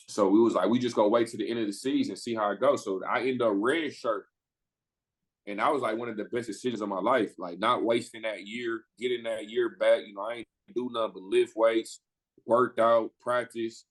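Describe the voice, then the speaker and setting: This low-quality recording features a man with a fairly low pitch speaking at a moderate pace, a Midwestern pro basketball player in his twenties. Appearing as a podcast guest in a casual storytelling interview, he's an animated, slangy narrator who acts out what others said.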